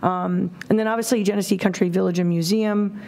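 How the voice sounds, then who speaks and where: A woman's voice: mid-range voice, fairly even intonation, a little fast, warm tone. A middle-aged woman presenting findings at a public town committee meeting, speaking plainly and informally, recorded on a desk microphone in a town hall auditorium. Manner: plain, informal, many fillers. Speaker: town services director leading a committee meeting.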